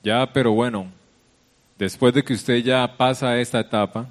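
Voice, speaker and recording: A man's voice: medium pitch, steady tone, moderate pace, big-room sound. A man preaching a sermon as pastor, rising when he reads scripture.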